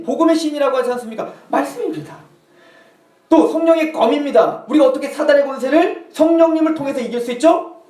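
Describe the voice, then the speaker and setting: A man's voice: extremely high pitch, darkish tone, reverberant, recorded from a distance. A male pastor preaching a sermon, acting out the tempter's taunts in a mocking, questioning voice. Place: church sanctuary.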